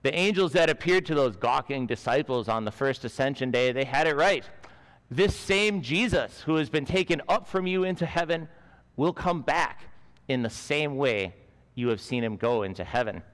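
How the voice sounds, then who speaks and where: A man in his forties delivers a school chapel sermon in an earnest storytelling manner, on a headset mic. His voice sits at an ordinary middle pitch. It rings out with the long reverb of a large chapel. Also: expressive, normal speed, a bit bright. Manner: earnest storytelling, gesturing with both hands. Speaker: school chaplain preaching. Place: school chapel stage with a lectern.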